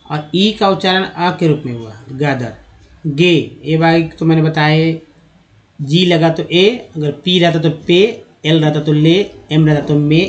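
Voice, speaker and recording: Man, raised pitch, slow and deliberate as a spelling teacher. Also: dull audio. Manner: slow, syllable-by-syllable sounding out of words. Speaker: English teacher. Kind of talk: spelling and pronunciation lesson.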